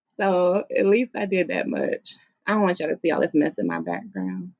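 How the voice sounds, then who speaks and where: A woman's voice: lowish voice, sing-song, moderate pace, gravelly, a little mellow. Playful Southern woman on a laptop mic. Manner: playful, silly, informal. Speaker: livestream host and author. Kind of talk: casual livestream chat. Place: room at home, seated on beanbag. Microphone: laptop's built-in mic, no plugged-in microphone. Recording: laptop built-in microphone.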